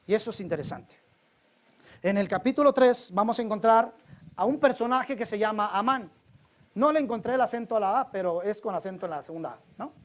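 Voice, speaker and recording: A male preacher delivers a sermon in church. He retells the story in a loose, colloquial and humorous way. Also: extremely high pitch.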